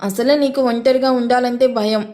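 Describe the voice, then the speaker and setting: A man's voice: extremely high pitch, steady tone, normal speed, a little mellow. A woman reading an audio story, voicing a possessive, violent young man who speaks in a cold, commanding way. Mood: coaxing.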